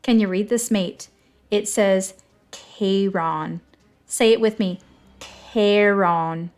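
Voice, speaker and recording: A woman voicing a tall, elegant male ferryman of the dead in an audiobook, smooth, condescending and coldly sardonic. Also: medium pitch, fairly even intonation, moderate pace, mellow, faint music behind, lightly acted.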